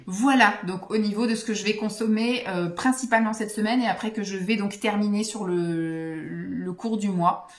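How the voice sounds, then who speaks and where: A woman's voice: mid-range voice, normal speed, few pauses. Chatty woman in her forties, roomy room. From France. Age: 40s. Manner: chatty, rambling, many hesitations. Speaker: vlogger. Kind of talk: casual chat to camera.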